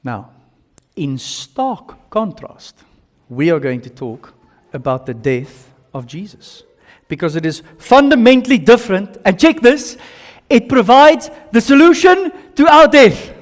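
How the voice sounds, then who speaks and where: This Afrikaans-accented South African man speaks high and at a measured pace, his pitch swinging widely as he delivers a sermon with slides and audience questions. He preaches in short, emphatic bursts, repeats himself, and puts questions to the crowd, all under long hall reverb.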